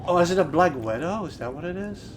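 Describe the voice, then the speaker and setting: A man giving informal, expressive, slangy commentary on a video game, mixing play with review remarks. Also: high-pitched, fast talker, noisy background.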